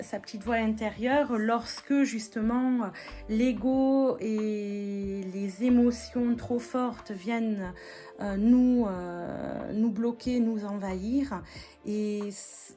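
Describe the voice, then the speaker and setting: Woman, tarot reader, slow unhurried delivery, hesitant with fillers, gentle guiding tone, faint music behind. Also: mid-range voice. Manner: hesitant, many fillers and restarts; gentle spiritual guidance tone. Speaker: medium giving a weekly tarot reading. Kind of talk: weekly tarot card reading.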